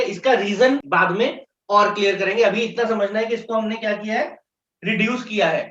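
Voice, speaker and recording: A man teaching economics, explaining step by step and slowly repeating key terms. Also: sits high, sharp tone. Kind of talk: classroom lecture mixing Hindi and English. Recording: echoey room, distant mic, dull sound.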